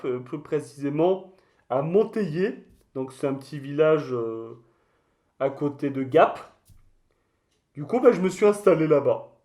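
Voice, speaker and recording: A man's voice: a little high, dark tone, lightly acted. A man voicing a touchy, boastful mascot creature in a comic mock interview, rambling in crude slang. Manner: slangy, crude, hesitant rambling storytelling with outbursts.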